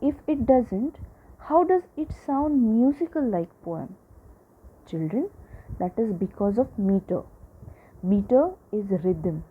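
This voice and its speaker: Slow breathy woman teaching a class. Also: on the high side, lively intonation. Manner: slow, repeats examples, checks in with "right?" and "okay?". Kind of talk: classroom lecture. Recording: tinny phone-like audio.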